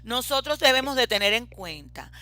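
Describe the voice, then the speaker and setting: A woman's voice: fairly high pitch, sing-song, normal speed, bright, forceful tone, no room sound, faint music behind. A woman teaching a lecture on reading and writing, explaining step by step with frequent hesitant fillers.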